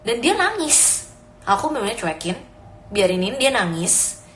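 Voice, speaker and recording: A woman's voice: on the high side, big pitch swings, normal speed, a bit bright, slight background noise. A young woman and mother giving casual, earnest parenting advice, mixing Indonesian and English as she talks. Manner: mixes Indonesian and English freely; earnest, advising. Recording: echoey room with faint ambience.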